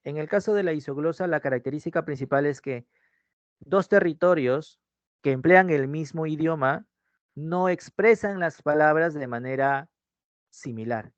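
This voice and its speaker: A man with a slightly high voice teaches an online class. He keeps repeating his points and asks "¿sí?" again and again. The sound is dry and a little dull. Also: normal speed, dry recording. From Peru. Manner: repeats key phrases, checks in with "¿sí?". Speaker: pre-university language teacher.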